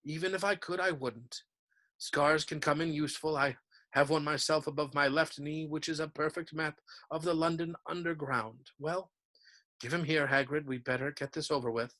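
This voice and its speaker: A man reading as Dumbledore, an old, quiet wizard. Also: a little high, fairly even intonation, normal speed, no room sound. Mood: calm. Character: elderly male wizard headmaster, calm and wise.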